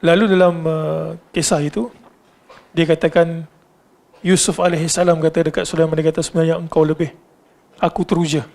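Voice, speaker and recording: Animated Malaysian Malay male lecturer, slightly high voice. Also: brisk, creaky, pauses often. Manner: animated storyteller, asks the audience questions. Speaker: religious lecturer. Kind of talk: Islamic lecture storytelling.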